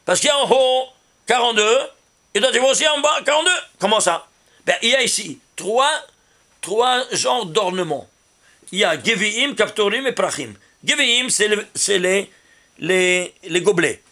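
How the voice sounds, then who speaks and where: A man teaching a Torah lesson as a rabbi, his voice pitched high. He talks in a bright, tense tone. He keeps asking his listeners questions as he works through the numbers. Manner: animated, asks rhetorical questions to his listeners. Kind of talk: Torah lesson explaining numerology.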